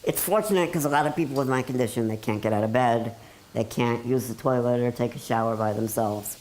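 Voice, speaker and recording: A man's voice: mid-range voice, a little fast, a little mellow, slight background noise, poor audio. A nineteen-year-old man with an American accent, talking candidly and matter-of-factly in a casual documentary interview style. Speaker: computer programmer telling their own story.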